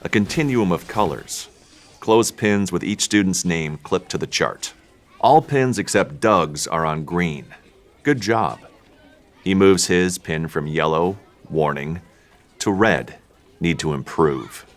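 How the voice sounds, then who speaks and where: Deep-voiced man reading stage directions. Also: expressive. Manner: dry, unhurried reading of action lines. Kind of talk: table read narration.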